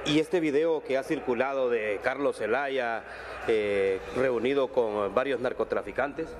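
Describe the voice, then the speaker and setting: A male reporter asks brief questions in a news interview. He is off-mic, and clear street noise comes through behind his voice. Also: mid-range voice, measured pace. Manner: brief questions and "ujú" backchannels. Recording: noisy, off-mic.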